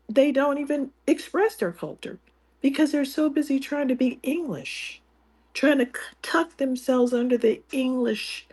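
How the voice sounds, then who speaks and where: A woman co-hosting a casual talk show, speaking in a deliberate, confident way with dry humor. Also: a little high, a little mellow, slightly rough. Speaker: co-host.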